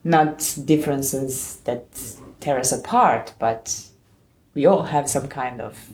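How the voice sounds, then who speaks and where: A woman in her thirties from Bosnia and Herzegovina, a guest in a casual interview, answering thoughtfully and laughing softly. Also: rumbling low, slow. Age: 30s.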